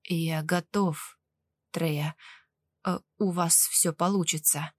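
A woman's voice: low voice, fairly even intonation, no echo, pitched below the performer's own voice. A woman doing a wheezing middle-aged man in pain. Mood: strained, wary. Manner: hesitant, quiet, halting.

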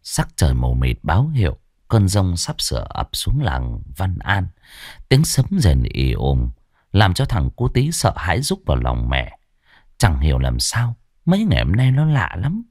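A man narrating a village horror story in a dramatic reading style, slowing down for suspense. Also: low-pitched, huge pitch swings, a little mellow, no room sound, clean studio sound. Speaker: audiobook narrator.

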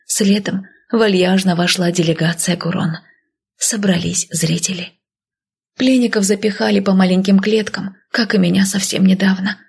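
Husky, gravelly woman narrating softly. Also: mid-range voice, steady tone, normal speed. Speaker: audiobook narrator. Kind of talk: first-person fantasy audiobook narration.

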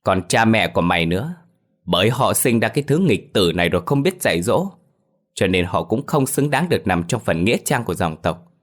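A man's voice: lowish voice, sing-song, fairly quick. A man voicing an arrogant, mocking elderly clan head who domineers over his relatives in an audio ghost story. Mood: scornful.

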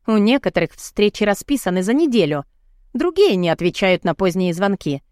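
A woman's voice: medium pitch, very animated, normal speed, a little mellow, dry recording, studio quality, lightly acted. A woman reading the part of an evasive middle-aged mother who placates her daughter, in an audiobook. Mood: irritated.

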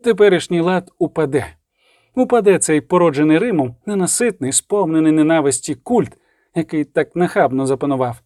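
A man's voice: on the high side, expressive, brisk, dark tone, dry recording, clean studio sound, lightly acted. Man doing a scornful pagan orator. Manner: emphatic, mocking declamation.

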